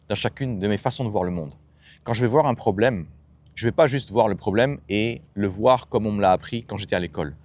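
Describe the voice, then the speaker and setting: A man talks quickly in a fairly low voice. He coaches his listeners in an emphatic monologue. He keeps firing rhetorical questions and dropping blunt slang. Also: a little mellow. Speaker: self-development coach. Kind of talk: motivational monologue.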